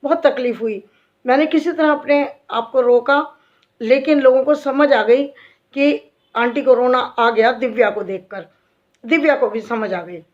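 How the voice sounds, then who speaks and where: In an unhurried, high-pitched voice, a middle-aged devotee who sings bhajans shares an emotional story of faith with other devotees. She speaks in a heartfelt, earnest way. The audio is dull and lo-fi.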